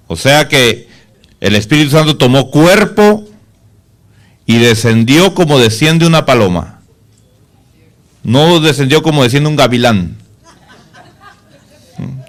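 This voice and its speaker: A male pastor preaches a sermon, posing rhetorical questions to the congregation and lowering his voice to something soft and low for solemn points.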